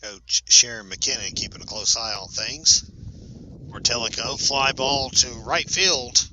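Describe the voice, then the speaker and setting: Bright-voiced man calling softball play-by-play. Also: medium pitch, measured pace, lo-fi sound, slight background noise. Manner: chatty, self-correcting, laughs at big plays. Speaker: play-by-play announcer. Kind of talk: sports commentary. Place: at a high school softball field.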